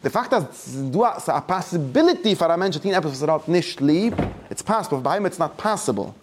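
Speaking quickly in a somewhat high voice that swings widely in pitch, a man teaches a religious study class over background noise. His explanations are forceful, full of false starts, and mix German with English.

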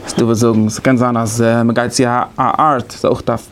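A man's voice: medium pitch, flat delivery, fairly quick. A man giving a lecture, explaining conversationally and thinking aloud as he goes. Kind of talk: lecture on interpretation methods.

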